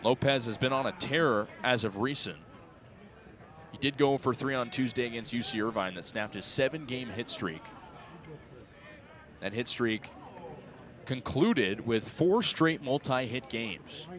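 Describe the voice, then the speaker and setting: A young man calls a baseball game live on radio, using short, clipped, descriptive phrases, and his energy rises with the plays on the field. His pitch is medium, his pace measured, and he leaves long pauses.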